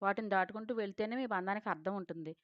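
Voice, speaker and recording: A woman's voice: mid-range voice, racing, dry recording, natural voice. A brash young best friend who scolds in a rush and then talks her friend round with patient advice, read by a woman narrator. The storybook recording is dry and a little dull, with no room sound. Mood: soothing. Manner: loud scolding chatter, then soothing advice.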